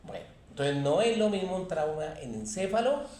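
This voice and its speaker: A Colombian man teaching an anatomy class, quizzing his students and telling lively anecdotes. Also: sits high, moderate pace, far from the mic, a little hiss or hum. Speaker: anatomy lecturer. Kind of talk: classroom lecture. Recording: echoey classroom recorded from afar.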